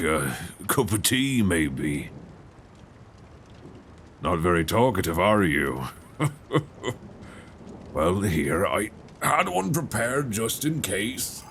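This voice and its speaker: In an intimate ASMR suspense roleplay, a man voices a gentle yet probing, folksy 19th-century lighthouse keeper, speaking softly in a halting, reassuring way. He's recorded close on a binaural microphone, with a faint low rumble in the background.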